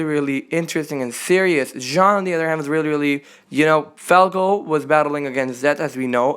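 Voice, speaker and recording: A young man hosting an anime reaction channel, recapping an episode in an excited, casual way, full of fillers and gushing asides. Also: fairly high pitch, smooth. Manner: animated, filler-heavy, gushing.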